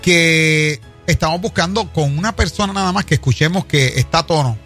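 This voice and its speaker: Reflective male co-host on a faith talk show, high-pitched, music faintly underneath. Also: a little fast, a bit bright.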